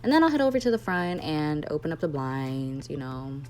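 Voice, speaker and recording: A woman's voice: low-pitched, very animated, moderate pace, a little mellow, soft background music. A young woman narrating a casual vlog as a barista, chatty and slangy, often joking about herself. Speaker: barista vlogger.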